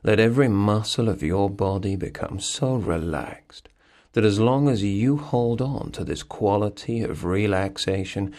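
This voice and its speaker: A man guiding a hypnosis session, giving soothing, repetitive suggestions to relax deeper. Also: a little mellow.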